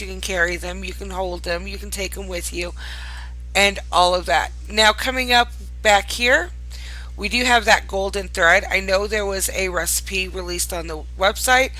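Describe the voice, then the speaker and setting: A woman's voice: mid-range voice, sharp tone, low-quality recording. A tired woman hosting a casual showcase of items in a game world, talking in a fond, gushing manner. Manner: gushing, fond of cute things. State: tired late at night. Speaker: host presenting new items in a virtual game world.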